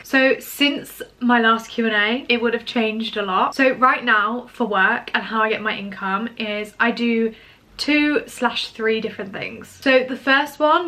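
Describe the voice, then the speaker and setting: A woman's voice: fairly high pitch, bright, forceful tone. Upbeat chatty young woman vlogger. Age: 20s. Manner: chatty, upbeat, many fillers like "like" and "do you know what I mean". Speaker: lifestyle vlogger. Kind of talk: casual chatty Q&A to camera.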